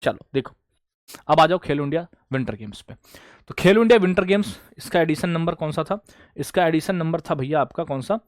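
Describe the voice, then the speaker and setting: A man with a fairly high, expressive voice teaches an online current affairs class for exam coaching, talking fairly quickly. He drills students with repetitive questions and answers, calling them bhaiya and beta, in a dry, studio-quality recording.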